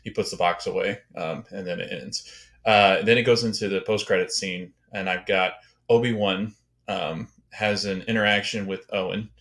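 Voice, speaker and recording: A young man with a deep, low voice, a guest on a casual podcast. He works through his ideas hesitantly, with lots of ums and uhs. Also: fairly even intonation, normal speed, a bit bright. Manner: hesitant, filler-heavy storytelling.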